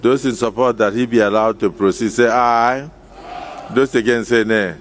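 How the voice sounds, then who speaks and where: A man with a Nigerian accent presiding over a Senate, giving halting, deliberate rulings and calling votes. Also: mid-range voice, steady tone. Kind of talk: procedural chairing. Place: legislative chamber.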